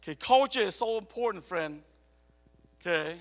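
A man born in Cambodia and raised in America, preaching as a missionary, animated and prone to repeating himself as he tells personal stories. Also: high-pitched, normal speed. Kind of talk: sermon. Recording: echoey hall reverb.

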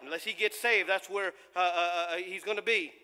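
A male pastor who grew up in the United States, preaching a sermon with impassioned, shouted emphasis and frequent stumbles. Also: sits high, fairly even intonation, moderate pace. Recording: long reverb of a large hall.

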